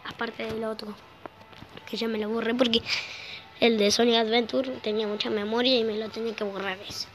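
A woman's voice: on the high side, little pitch movement, fairly quick, low-quality recording. A young woman with a Rosario accent from Argentina, rambling casually while playing a game, swearing offhandedly and coughing a little because she has just woken up. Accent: Argentine Spanish, Rosario. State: slight cough, just woke up. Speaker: gameplay streamer. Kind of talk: casual gameplay commentary. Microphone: phone recording app. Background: loud game music.

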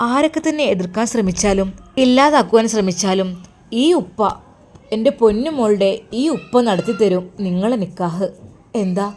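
A woman's voice: mid-range voice, mellow, lightly acted. A woman voicing a loving, emotional older father who comforts his daughter in an earnest, pleading way.

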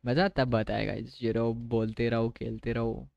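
Male gaming streamer, mid-pitched, chatty running commentary to viewers, dry close recording. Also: flat delivery, moderate pace, vocal fry, darkish tone, no echo, muffled recording. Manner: chatty, keeps talking to viewers, mixes in English phrases. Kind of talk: live gameplay commentary.

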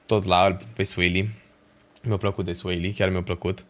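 A young man, chatting casually on a livestream and ranking festival shows, full of slang and swearing. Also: low-pitched. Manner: animated ranting with slang and swearing.

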